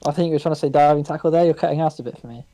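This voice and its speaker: A man co-hosting a casual podcast chat over a voice call, talking quickly and chattily. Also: a little high, warm tone, no room sound, soft background music, low-quality recording. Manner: quick, chatty, laughs easily. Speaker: podcast co-host. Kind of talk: casual chat about a board game.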